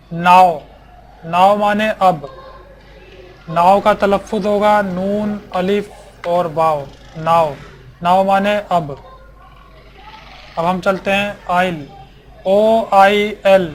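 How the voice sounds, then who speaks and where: A man teaching a basic English vocabulary lesson, spelling each word letter by letter and repeating it slowly. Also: high voice, slight background noise.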